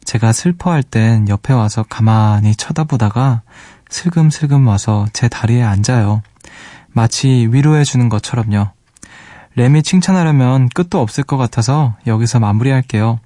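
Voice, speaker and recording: A man hosting a late-night radio show, reading listener letters aloud in a soft-spoken, fond way and gushing over pet photos from a studio microphone. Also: medium pitch, no echo.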